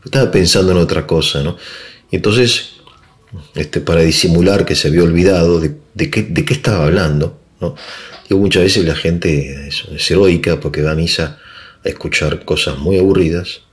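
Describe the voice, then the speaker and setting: A man's voice: low-pitched, moderate pace. A middle-aged man gives an informal philosophy lecture, with many fillers and tag questions. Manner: conversational, often adds tag questions; digressive with frequent fillers.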